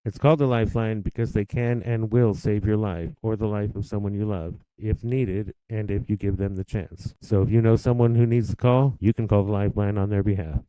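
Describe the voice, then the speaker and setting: A man with a low, dark voice delivers a scripted public service read. He explains things plainly and directly, with an earnest tone. The sound is dry and close, with no room around it. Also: steady tone, brisk, hardly any pauses, clear, resonant tone, no room sound, dull audio. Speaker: presenter giving a public service message.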